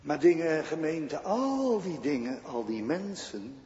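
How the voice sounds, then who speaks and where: A man's voice: on the high side, lively intonation, slow pace, a little mellow. A male pastor preaching a sermon in a church, speaking emphatically and asking rhetorical questions. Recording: dull echoey church recording.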